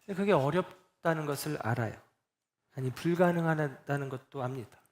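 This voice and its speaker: A middle-aged man delivers a sermon in a somewhat high voice. He leans on rhetorical questions and acts out little scenes with quoted voices. He swings from loud emphasis to soft, low closing lines. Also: moderate pace. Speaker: pastor.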